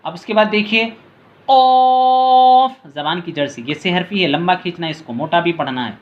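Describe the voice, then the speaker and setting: A man teaching letter reading step by step. He calls out each letter name in a long, drawn-out tone, then explains quietly in a lower voice. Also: muffled recording. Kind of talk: patient step-by-step reading lesson.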